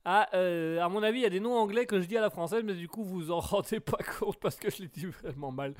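A man hosting a live chat stream, telling a story with playful, animated mock voices. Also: sits high, fast. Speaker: host of a live call-in stream.

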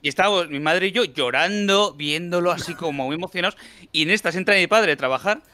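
Joking podcast co-host, man, bright and a touch high. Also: fast talker. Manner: jokey anecdotes, playful teasing. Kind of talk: casual chat about films.

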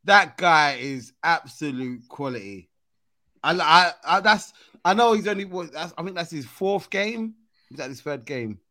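A man with a London roadman accent hosting a casual football chat, speaking in animated street slang. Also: a little high, measured pace, dry recording, studio quality. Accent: London, urban street style. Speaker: football talk show host.

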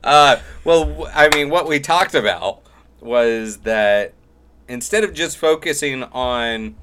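A man's voice: medium pitch, animated, slow, a bit bright, slight background noise. A middle-aged man hosting a podcast in a rambling, self-deprecating, casual way. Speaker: podcast host. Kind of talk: casual chat.

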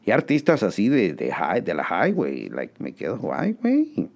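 A man's voice: low-pitched, wildly swooping pitch, normal speed, gravelly, a little mellow. A man hosting a joking casual monologue, laughing often and dropping slang and English words. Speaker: host.

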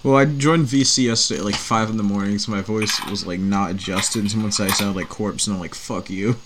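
A man's voice: fairly low pitch, fast, noisy background. A young man in casual voice chat banter, crude and teasing, laughing often.

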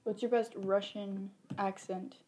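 A woman's voice: medium pitch, little pitch movement, takes it slowly, a little mellow. Young woman, podcast co-host, inquisitive, casual tone. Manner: curious, questioning. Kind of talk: casual chat.

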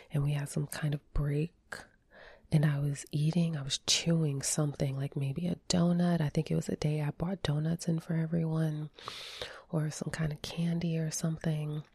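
A woman doing a whispered and soft-spoken ASMR ramble, chatting casually while she eats, close to the mic. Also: low voice, little pitch movement, moderate pace, vocal fry, breathy edge, no echo. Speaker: ASMR channel host.

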